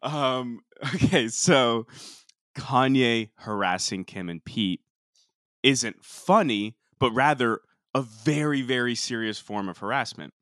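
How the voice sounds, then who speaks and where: Bright, crisp-edged man chatting on a podcast. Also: medium pitch, slow pace, no echo, studio quality. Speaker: podcast co-host. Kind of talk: casual pop culture podcast chat.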